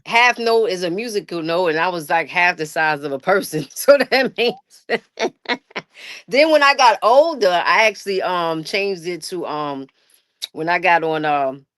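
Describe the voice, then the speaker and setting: New york lady chatting in an interview, lots of laughs and slang, kinda low voice, dry sound. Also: measured pace, dry recording. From Brooklyn, New York. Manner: laughs often, animated storytelling with slangy talk. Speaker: guest artist. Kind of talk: casual interview storytelling.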